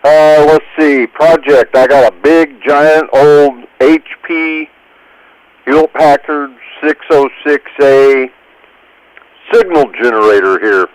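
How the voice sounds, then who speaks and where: An American man checking in on an amateur radio net, chatting casually in an unhurried, hesitant way. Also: a little high, no echo, low-quality recording. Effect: heard over amateur two-meter radio. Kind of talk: casual ham radio chat.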